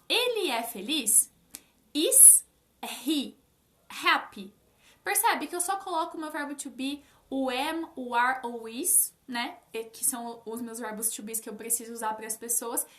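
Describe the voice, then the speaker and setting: A young Brazilian woman teaching English in a casual live-stream lesson, speaking straight to her viewers and slowing down to stress her English examples. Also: sits high. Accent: Brazilian Portuguese. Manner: lively, talks directly to viewers, stresses English examples slowly. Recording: echoey room.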